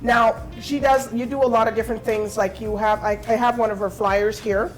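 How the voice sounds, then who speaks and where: A woman's voice: on the high side, steady tone, fairly quick, faint music behind, low-quality recording. Chatty, laughing woman talk show host. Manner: chatty, laughs often, stumbles over words. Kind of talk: casual interview chat.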